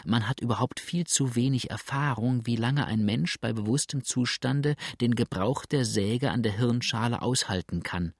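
A man voicing a small, brisk, callous male country doctor who talks in a clinical, eager way and often exclaims. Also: mid-range voice, no room sound, clean studio sound, natural voice.

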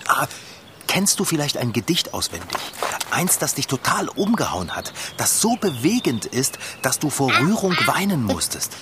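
An actor playing an earnest, excitable, soft-hearted bicycle mechanic in a children's radio play. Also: mid-range voice, moderate pace, noisy background, natural voice. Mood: coaxing.

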